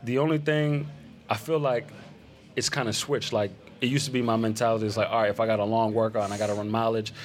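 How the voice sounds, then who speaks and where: A man's voice: fairly low pitch, little pitch movement, fast. A man in his thirties, a photographer guesting on a podcast, talking in a laid-back, rambling way with many fillers. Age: 30s. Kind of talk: casual podcast conversation. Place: event space.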